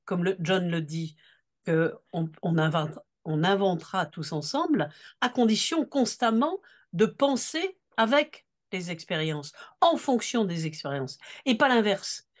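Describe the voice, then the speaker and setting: A woman giving an unscripted political talk at a seminar, earnest and deliberate, leaning on key words. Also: fairly low pitch, lively intonation. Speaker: seminar speaker.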